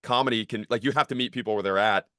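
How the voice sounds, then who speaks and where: A young man hosting a podcast, talking casually in a rambling way full of fillers and swearing, and getting animated as he goes. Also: lowish voice, fast talker, no room sound, clean studio sound. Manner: rambling, filler-heavy, profane, gets animated. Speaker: podcast host, former college strength coach.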